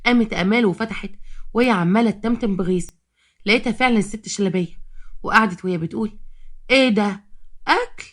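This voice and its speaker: Fast Egyptian woman storyteller. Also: medium pitch. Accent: Egyptian Arabic. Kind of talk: storybook narration.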